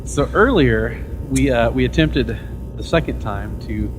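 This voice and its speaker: A man's voice: medium pitch, unhurried, over music, rough recording. An American man co-hosting a podcast in casual, playful chat with friends, easily drifting into bits. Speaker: podcast co-host.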